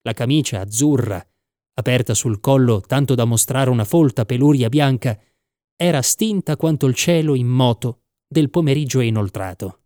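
Measured male audiobook narrator, dry sound. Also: medium pitch, warm tone, no room sound. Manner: measured, reflective reading. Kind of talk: scripted first-person story narration.

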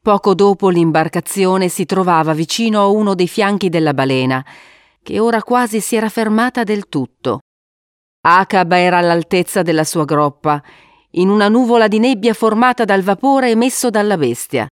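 A woman narrating an adventure storybook in a measured, expressive reading. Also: medium pitch, clean tone, no room sound, clean studio sound.

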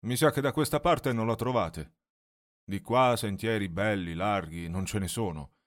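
A man's voice: fairly low pitch, normal speed, natural voice. A man reading a storybook and voicing a big, burly woodsman who talks as if he knows everything, in a blunt, self-assured way.

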